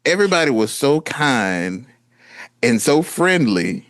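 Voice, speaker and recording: A man in his thirties co-hosting a podcast, telling a story in a lively, casual way and acting out what people said. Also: medium pitch, takes it slowly, no room sound. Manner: animated storytelling, acts out quotes. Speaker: podcast co-host. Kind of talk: casual chat.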